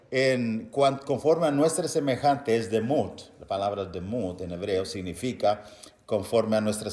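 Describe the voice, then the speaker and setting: In a sermon recorded in an echoey space, a mid-range male voice reads scripture aloud and unpacks it for listeners he calls brothers. Calm explanation alternates with forceful, loud emphasis.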